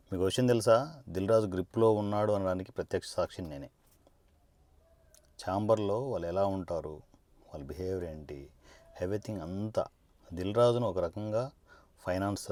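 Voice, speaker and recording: A politician with a low-pitched, mellow male voice speaks directly to camera. His monologue is confrontational, sarcastic and combative, made up of rhetorical question upon rhetorical question.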